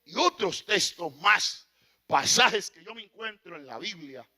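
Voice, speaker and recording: Male preacher, high bright voice, impassioned, loud-to-hushed sermon delivery. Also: animated, a little slow.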